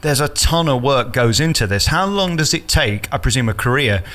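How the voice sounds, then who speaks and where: A man's voice: mid-range voice, expressive, normal speed, a bit bright. A man interviewing someone conversationally, putting admiring, leading questions. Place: theatre dressing room.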